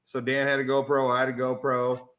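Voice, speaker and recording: A man's voice: mid-range voice, completely flat delivery, a little fast, a bit bright. A man in casual podcast chat, telling a rambling, self-mocking hunting story with plenty of laughter.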